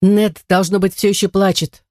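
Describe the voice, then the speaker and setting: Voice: medium pitch, level tone, normal speed, dry recording, clean studio sound, pitched above the performer's own voice, close to an everyday voice. A reader voicing a serious, anxious young schoolboy. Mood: hushed. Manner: hushed, serious.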